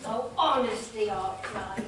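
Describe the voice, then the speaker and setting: A woman's voice: mid-range voice, slow pace, fairly bright tone. A woman playing a prim, polite nurse in a broad comic amateur pantomime, in an echoing hall. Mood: exasperated. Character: prim, polite female nurse customer, easily exasperated. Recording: very echoey, noisy hall, distant mic.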